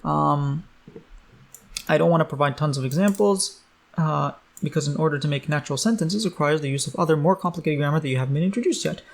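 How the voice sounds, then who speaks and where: A man's voice: fairly high pitch, fast talker, gravelly. A man teaching a language in a casual online lesson, loose and chatty with many ums.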